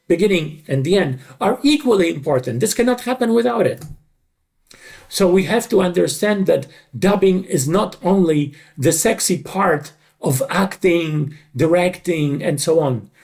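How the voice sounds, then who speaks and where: In an interview, an older man who directs dubbing talks forcefully about his work, doubling up words for emphasis. His voice, fairly high and a little mellow, is creaky, untrained and somewhat tired.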